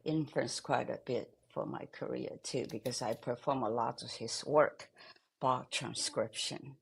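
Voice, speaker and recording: An older woman from Taiwan, a pianist and composer, speaking in an interview and trailing off softly at the ends of phrases. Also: very deep voice, fairly even intonation, gravelly, slightly rough. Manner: halting non-native English, trailing off softly at phrase ends. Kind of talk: interview conversation.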